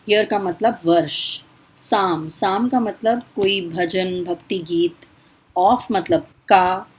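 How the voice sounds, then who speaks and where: A woman's voice: mid-range voice, slightly rough, rough recording. A woman teaching English in Hindi, patiently drilling word lists one by one. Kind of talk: spoken English lesson in Hindi.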